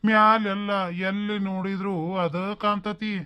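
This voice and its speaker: A performer voices a lazy, boozy old father-in-law in a village cartoon comedy, with a North Karnataka Kannada accent. He grumbles and complains about the women of the house in a middle-pitched voice. He keeps asking for his breakfast. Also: level tone, measured pace, pushed and bright, smooth. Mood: grumbling.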